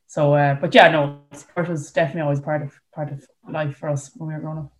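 A woman's voice: deep voice, little pitch movement, quick pace, slight background noise. A woman with a west of Ireland accent chatting casually as a guest in an interview. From Galway, Ireland. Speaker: podcast guest, para rower. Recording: dull, muffled lo-fi audio.

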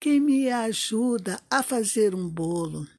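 A woman voicing a gentle, patient hen who asks mildly for help and ends up working alone, in a children's storytelling. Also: on the high side, animated, slow, breathy edge, no room sound, clean studio sound, heavily acted. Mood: asking.

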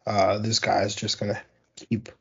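A man's voice: lowish voice, level tone, normal speed, creaky, slightly rough, dull audio. Man rambling through fantasy football stats. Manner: rambling with many fillers and restarts. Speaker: fantasy football podcast host. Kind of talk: casual sports analysis monologue.

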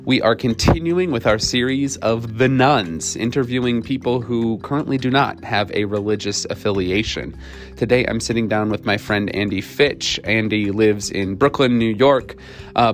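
A man's voice: lowish voice, moderate pace, soft background music. Podcast host, man, 30s, friendly and full of ums, recorded over a video call with tunnel-muffled audio. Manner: friendly, with many ums and uhs. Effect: muffled audio, as if talking through a tunnel. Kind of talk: casual faith podcast chat.

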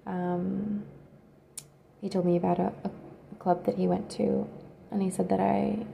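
A woman quietly telling a personal story in a hesitant, halting way, pausing often. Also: mid-range voice, level tone, vocal fry, slight background noise. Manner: hesitant and halting, with many pauses and fillers; quiet, subdued recounting. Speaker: video creator.

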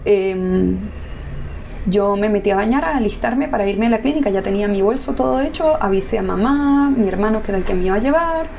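A woman, relaxed and chatty, telling her own birth story to the camera. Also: medium pitch, a little fast, vocal fry, highs cut off, slight background noise. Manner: lively, relaxed, chatty with laughter.

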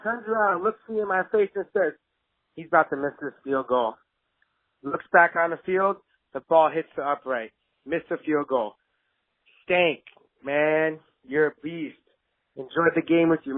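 A man leaving an excited, casual voicemail for a podcast host, full of slang and swearing. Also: a little high, no echo. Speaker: caller. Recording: dry tinny phone line.

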